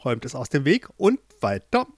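A man's voice: mid-range voice, huge pitch swings, fairly quick, dry recording, clean studio sound. A man voicing a grand, bossy female ant queen who barks orders at her workers. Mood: commanding. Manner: barking commands, haughty.

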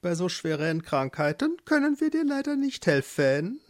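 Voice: medium pitch, sing-song, moderate pace, voice pushed up, natural voice. A storyteller voicing a pompous, theatrical male flamingo who drops French phrases, for a children's storybook.

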